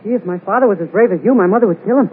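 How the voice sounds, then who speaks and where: A man's voice: high-pitched, rapid-fire, slightly rough. A young actor playing a naive, earnest mama's boy in a 1940s AM radio comedy. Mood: earnest, innocent. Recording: noisy, tinny old AM radio broadcast.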